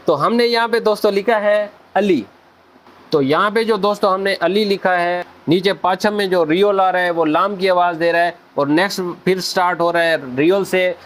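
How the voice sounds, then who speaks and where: A man hosts a casual video lesson on Korean pronunciation, addressing viewers as friends and slowly spelling out sounds. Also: high voice. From Pakistan. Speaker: Korean language teacher, channel host.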